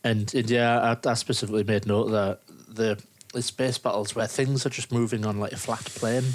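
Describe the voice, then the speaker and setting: Low-voiced man chatting about films. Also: flat delivery. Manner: laughs often, swears freely, quick asides. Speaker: podcast co-host. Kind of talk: casual film chat.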